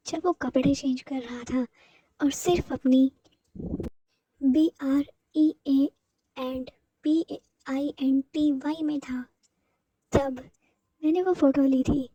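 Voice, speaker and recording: A woman's voice: sits high, unhurried, pauses often, mellow, no echo, rough recording. A woman voicing a possessive, obsessive older male teacher who broods, schemes and turns controlling. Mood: scheming.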